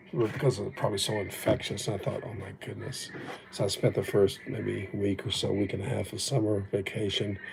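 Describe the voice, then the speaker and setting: This livestream host, whose first language was Japanese, speaks in a fairly low, creaky voice over background noise. He rambles casually and reflectively, often making himself the butt of the joke, all captured on an old phone.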